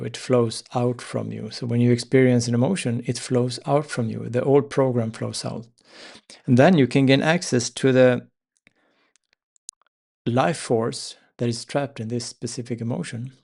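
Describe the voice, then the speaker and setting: Gravelly, halting man giving spiritual talk. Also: mid-range voice, fairly even intonation, darkish tone. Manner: halting, with pauses mid-phrase. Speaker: spiritual teacher. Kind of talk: informal spiritual talk with demonstration.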